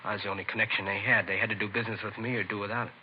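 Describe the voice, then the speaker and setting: Over a muffled, hissy recording from a 1950s radio crime drama, a male actor with a lowish voice and level tone voices a remorseful, streetwise teenage addict. The confession is reluctant, lightly acted, and delivered in slangy, halting phrases.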